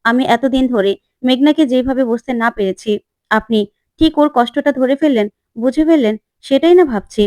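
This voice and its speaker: Woman doing earnest young brother, questioning, higher voice, dry sound. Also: normal speed, darkish tone, no echo, natural voice.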